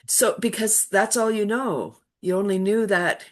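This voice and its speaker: A woman's voice: medium pitch, unhurried. A woman from Canada, a laughter yoga guest, chatting casually in an interview and telling stories that she acts out with quoted voices and frequent laughs. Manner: warm storytelling, laughs often, acts out quotes.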